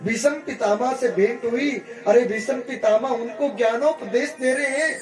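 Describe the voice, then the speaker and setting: A man's voice: extremely high pitch, normal speed. A male devotional preacher telling a scripture story in a dramatic, emphatic sermon and calling on listeners to chant. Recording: echoey room with music behind.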